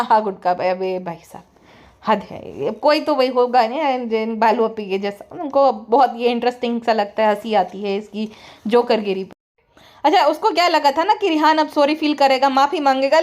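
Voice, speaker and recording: A woman giving sarcastic, blunt commentary that scolds and mocks the people she talks about. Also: sits high. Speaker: commentary vlogger.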